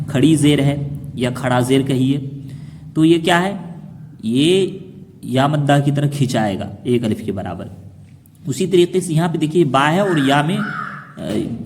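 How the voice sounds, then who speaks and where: A man teaching Quran reading to children, who asks a question and then answers it himself and draws out each syllable slowly. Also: mid-range voice, in a large hall, a little hiss or hum. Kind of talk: explaining a lesson to children.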